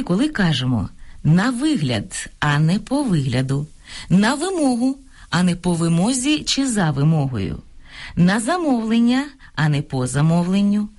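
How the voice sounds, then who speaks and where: Female radio co-presenter, lowish voice, animated intonation, clear instructive scripted read. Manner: clear, instructive listing of usage examples. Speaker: radio language program presenter. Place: radio studio.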